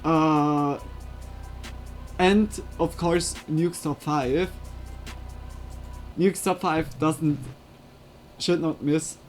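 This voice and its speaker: A woman's voice: sits low, fairly even intonation, extremely slow, pauses often, darkish tone, soft background music. A woman chatting casually and giggling on a live stream, with loose non-native phrasing, into a USB desk microphone.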